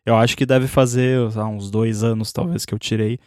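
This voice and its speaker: A man's voice: on the low side, a little fast, no room sound. Man chatting casually, dry sound. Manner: relaxed, rambling with fillers. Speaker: podcast host. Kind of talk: casual tech chat.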